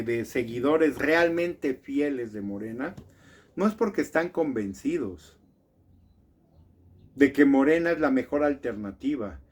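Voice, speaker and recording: A man's voice: a little high, darkish tone. Indignant man, political rant. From Mexico. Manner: indignant, rhetorical questions, frequent tag "¿no?". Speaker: political commentator. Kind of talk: political commentary monologue.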